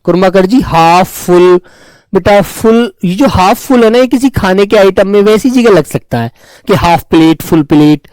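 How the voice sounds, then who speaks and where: A man with a high voice teaches grammar to an online class, repeating each term slowly and calling his students dear children. He stops to answer viewers' comments. The sound is dry and close. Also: a little mellow, no echo, low-quality recording. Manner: addresses students fondly as children, repeats terms.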